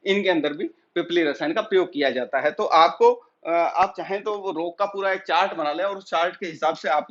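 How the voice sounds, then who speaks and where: A man teaching an exam-prep lecture. He explains slowly, asks his own questions and then answers them, with many pauses and filler sounds. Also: high voice, fairly bright tone, highs cut off. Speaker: Ayurveda teacher.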